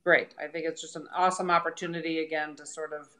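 Low-voiced woman chiming in. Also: flat delivery, fast talker, a bit bright. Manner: agreeable, chimes in with affirmations. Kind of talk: casual chat.

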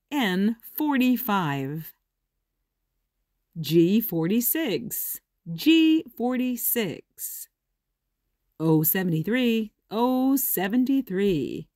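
A woman working as a bingo caller, announcing in short, measured, deliberate calls and repeating each one. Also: medium pitch, darkish tone, no echo, clean studio sound. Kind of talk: bingo calling, each number announced twice.

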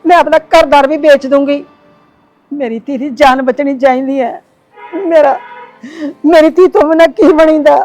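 A woman acts out an elderly village mother, tender and devout, pleading softly in a high voice. She consoles and begs by turns in a drama scene. Faint music runs beneath her. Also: steady tone, normal speed, natural voice. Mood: grieving. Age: older. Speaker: actor.

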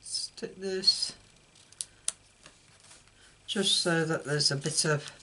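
An older woman talks casually through a card-making tutorial at an indoor craft table, poking fun at herself along the way. Her voice is deep and sharp-toned, and she speaks extremely slowly. The camera is mounted over the desk, showing only her hands.

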